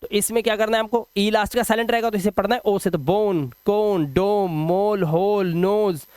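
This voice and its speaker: A man teaching English phonics rules in a video lesson, patiently repeating example words slowly and quizzing the viewer. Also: high voice, fairly even intonation, a little mellow, smooth, no echo.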